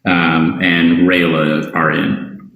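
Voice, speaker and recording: Slow, low-voiced man running a tabletop game. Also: level tone, creaky, reverberant, dull audio. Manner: unhurried, hesitant, many ums. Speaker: game master.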